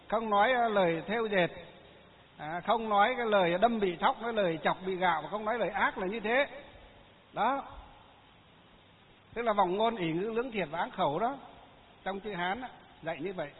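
High-voiced monk, tinny hall. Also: male voice, moderate pace, long pauses. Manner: folksy, chatty storytelling with frequent fillers. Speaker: Buddhist monk. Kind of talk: Dharma talk with anecdotes. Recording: tinny phone-like sound in a long-reverb hall.

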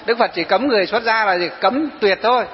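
A man's voice: sits high, quick pace, a little hiss or hum. A man, a Buddhist monk, giving a dharma talk, telling stories of his followers and asking rhetorical questions. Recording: dull lo-fi hall recording.

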